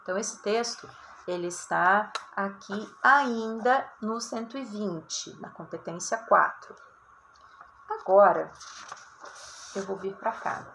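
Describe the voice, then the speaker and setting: A Brazilian woman teacher giving a recorded writing lesson, talking straight to her students in a chatty, lively way. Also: mid-range voice, slow pace, vocal fry, slight background noise. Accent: Brazilian Portuguese. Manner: chatty, addresses students directly, lots of "tá?" and "ó".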